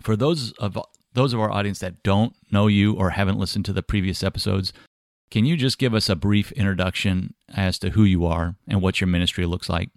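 A man hosts an interview podcast with a low, smooth voice. He asks his questions in an earnest, measured way. The recording is close and dry, with no room sound. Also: fairly even intonation, no echo. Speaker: podcast host.

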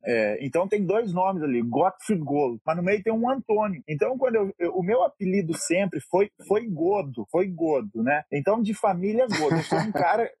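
A man's voice: sits high, animated, moderate pace, hardly any pauses, a little mellow, slightly rough, dry recording. A Brazilian man in his thirties, a goalkeeper, telling stories in a chatty, laughing way as an interview guest. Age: 30s. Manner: chatty, laughs often, many fillers. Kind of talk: casual interview storytelling.

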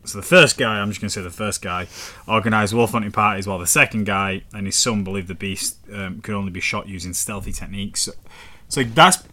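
A man's voice: on the low side, brisk, bright, forceful tone. A man with a northern English accent, chatting casually and swearing as he reads out history facts. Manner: rambling and sweary, reading facts aloud. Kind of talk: casual chat.

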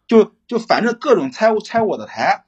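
A young man calling in for relationship advice, telling his story in a rambling, halting way with many restarts. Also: high-pitched, big pitch swings, dull audio, very noisy. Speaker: caller seeking relationship advice. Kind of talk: casual phone-in storytelling.

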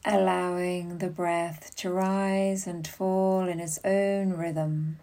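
A woman guides a yoga nidra meditation, speaking soothing, unhurried instructions separated by long pauses. Her voice is fairly low and warm, with a level tone.

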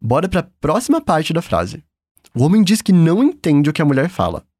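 A man's voice: on the high side, wildly swooping pitch, moderate pace, a little mellow, slightly rough, no echo, studio quality. A man with a Brazilian accent teaching a German lesson in a patient, encouraging, upbeat way. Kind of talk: language lesson.

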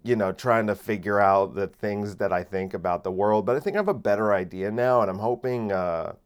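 A man's voice: lowish voice, brisk, clean tone. A man in his late twenties hosting a casual solo podcast, rambling with many fillers and restarts, recorded on a microphone. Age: late 20s. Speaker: podcast host. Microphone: phone camera and separate microphone.

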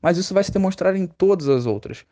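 A man's voice: sits high, animated, quick pace, dark tone. Brazilian man teaching on a podcast. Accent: Brazilian Portuguese. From Rio de Janeiro, Brazil. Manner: asks and answers his own questions. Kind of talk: educational podcast explanation.

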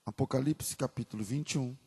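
A man preaching a sermon as pastor with a Brazilian Portuguese accent, moving from casual asides to loud, emphatic preaching. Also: mid-range voice, brisk, breathy edge, in a large hall.

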